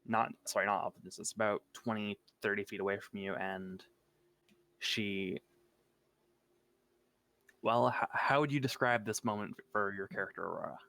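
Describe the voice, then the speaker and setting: Low-voiced man running a tabletop game. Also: fairly even intonation, moderate pace, gravelly, long pauses, bright, forceful tone, dry recording. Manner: thinking aloud, self-correcting. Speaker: game master.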